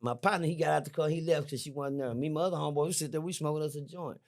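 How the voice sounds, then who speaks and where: A middle-aged man, a podcast guest, telling a story in a lively, slangy way, repeating himself and jumping high when excited. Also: racing. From Texas. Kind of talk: animated storytelling. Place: podcast studio.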